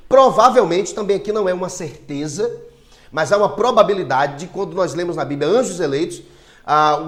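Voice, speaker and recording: A man with a Brazilian Portuguese accent, a pastor teaching a Bible lesson, who reads verses aloud with emphasis and keeps checking in with his listeners. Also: a little high.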